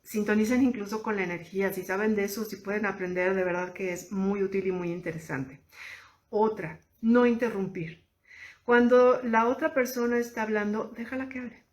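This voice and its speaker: A woman's voice: mid-range voice, steady tone, moderate pace. A woman, a therapist giving a conversational teaching talk and asking her listeners questions directly. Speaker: thanatologist and therapist. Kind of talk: informal teaching talk to camera.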